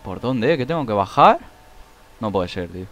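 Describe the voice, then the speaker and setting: A man giving excitable let's play commentary, shrieking when he panics. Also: fairly low pitch, normal speed. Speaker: gaming YouTuber.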